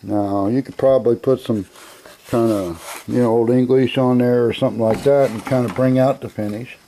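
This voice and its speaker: This seller is an American man with a fairly low, dark voice, showing off an item in a casual sales video while filming handheld indoors. He comes across as blunt and confident, with folksy turns of phrase, and there's a little hiss or hum on the audio.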